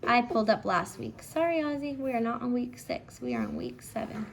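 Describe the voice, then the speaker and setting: A woman teaching a phonics lesson casually, giving slow school dictation with repeated words and prompts for a child. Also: fairly high pitch, huge pitch swings, a little hiss or hum. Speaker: home phonics teacher, parent-style instructor.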